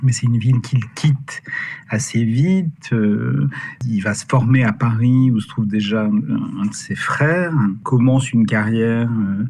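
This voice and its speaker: A man's voice: medium pitch, measured pace, gravelly, a little mellow. Guy academic on a phone interview, explains stuff, hunts for words, faint music behind. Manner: hesitant, searching for words. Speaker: academic expert guest.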